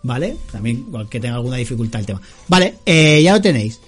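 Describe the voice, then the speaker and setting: A man's voice: medium pitch, sing-song, fast talker, husky, soft background music. A man narrating as game master, explaining rules and often checking in with the players, laughing along.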